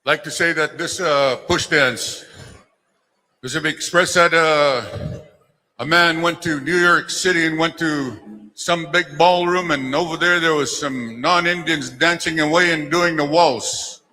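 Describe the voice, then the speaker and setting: A man emceeing a powwow, rallying the dancers with folksy, encouraging humor. His voice is slightly high and very bright and forceful. It rings out over a gymnasium PA with long reverb. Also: unhurried. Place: large indoor gymnasium.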